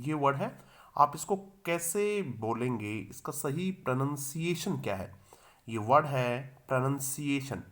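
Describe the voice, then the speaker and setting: A man's voice: medium pitch, a bit bright. Man teaching pronunciation, sounding words out. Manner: spells words out letter by letter and repeats sounds slowly; asks the viewer questions, then answers them. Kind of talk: explanatory video lesson.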